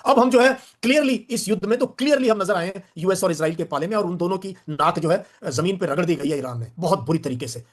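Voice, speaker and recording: A man's voice: high voice, expressive, quick pace, hardly any pauses. An older man, a retired veteran, giving emphatic, lecturing interview answers and repeating phrases for stress. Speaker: retired veteran diplomat guest.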